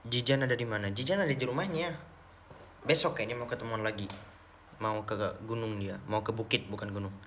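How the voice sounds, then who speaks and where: A man's voice: medium pitch, a little fast, fairly bright tone, a little hiss or hum. Chatty young man on a live stream. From Mecca, Saudi Arabia. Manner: chatty, answers viewer questions, switches languages. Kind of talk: casual live chat.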